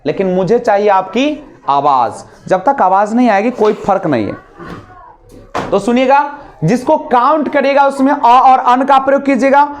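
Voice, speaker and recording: A man teaching a spoken English class in a classroom, drilling students with repeated questions and having them repeat after him. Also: extremely high pitch. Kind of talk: classroom lesson.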